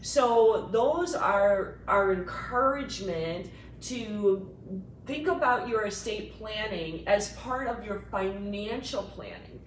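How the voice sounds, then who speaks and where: A woman attorney co-hosting a casual discussion, explaining things in an animated way and laughing easily. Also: slow. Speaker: estate planning attorney, co-host. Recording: echoey room, mic at a distance, faint rumble.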